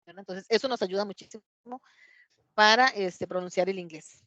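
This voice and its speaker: A woman teaching an English pronunciation lesson, explaining patiently step by step and slowly repeating words to model them. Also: mid-range voice, fairly bright tone, dry recording, dull audio. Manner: patient, explains step by step, asks "¿verdad?" often.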